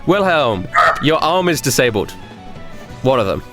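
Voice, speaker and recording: Guy as game master, casual, really animated pitch, soft guitar music behind him. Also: unhurried. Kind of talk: casual tabletop game narration.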